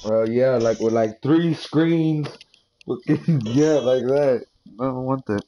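A young man chatting casually while gaming, relaxed and slangy, laughing easily. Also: medium pitch, slow pace, lo-fi sound, a little hiss or hum.

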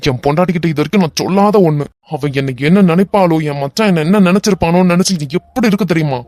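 Man voicing fed-up young husband, cartoon, Kanyakumari Tamil accent, scolding, weary, fairly high voice, dry sound. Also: very fast, no room sound, natural voice. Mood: distressed. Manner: sharp, scolding, then weary and worried. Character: exasperated young married man, scolding his friend. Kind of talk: animated web cartoon voice acting.

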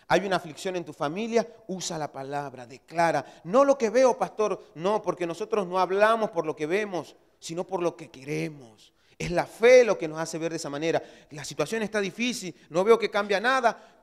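A male pastor preaching a sermon, swinging from loud exhortation to hushed asides. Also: fairly high pitch, big-room sound. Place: church hall.

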